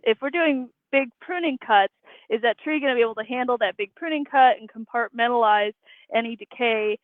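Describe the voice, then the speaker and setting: A woman's voice: a little high, a little fast, no room sound. A woman arborist answering interview questions, explaining in a matter-of-fact way over remote call audio. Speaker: arborist guest. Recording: tinny dry phone-like line.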